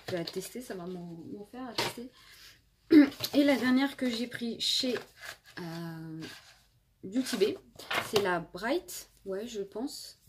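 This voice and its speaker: A beauty vlogger in her twenties casually reviews makeup palettes, filmed indoors on a phone camera. She speaks in a mid-range voice, chatty and full of fillers and restarts, with background noise present.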